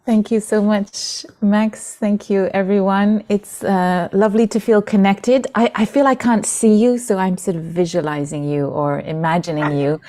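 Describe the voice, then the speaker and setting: A British woman in her forties, a Buddhist nun, speaking gently and reflectively to an online gathering. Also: mid-range voice, fairly even intonation, normal speed, hardly any pauses. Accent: British, with an international lilt. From Britain. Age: 40s. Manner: gentle, reflective, with soft fillers and restarts. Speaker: Buddhist nun and Dharma teacher. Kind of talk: heartfelt talk to an online community. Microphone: video call.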